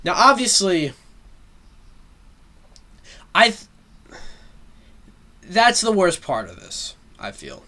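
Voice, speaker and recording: A man's voice: sits high, wildly swooping pitch, slow pace, long pauses, bright, forceful tone. A man hosting a solo show, giving casual pop-culture commentary in a rambling way, with lots of fillers and frequent swearing. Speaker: solo talk show host.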